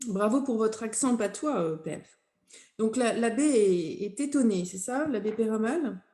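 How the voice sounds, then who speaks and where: A woman's voice: a little high, lively intonation, a little slow, warm tone. A woman hosting a podcast, asking questions, recapping and commenting in a conversational way. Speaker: podcast host. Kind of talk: conversational interview. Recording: echoey room.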